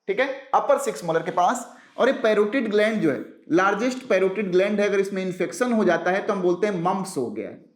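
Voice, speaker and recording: A man teaching an exam-prep biology lesson, asking rhetorical questions and answering them himself, repeating key terms slowly and mixing English science words into his talk. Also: high-pitched, roomy sound.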